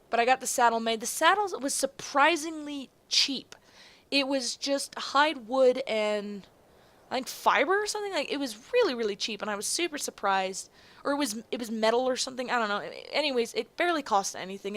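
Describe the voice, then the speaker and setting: A woman's voice: fairly high pitch, a bit bright, slight background noise. A woman giving rambling, casual gameplay commentary, full of fillers and self-corrections, with some casual swearing. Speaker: gaming video host.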